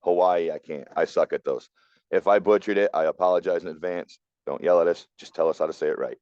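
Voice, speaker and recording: A man's voice: low voice, quick pace, darkish tone, no echo, lo-fi sound. A man co-hosting a podcast, talking through politics in a blunt, opinionated way. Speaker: podcast co-host. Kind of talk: casual political talk.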